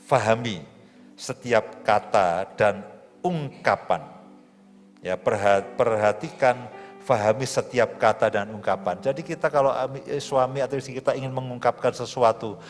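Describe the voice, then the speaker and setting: A man, a pastor preaching a sermon in a conversational, lively way with humor and asides. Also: medium pitch. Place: large church hall. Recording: live church stream, hall reverb, soft music.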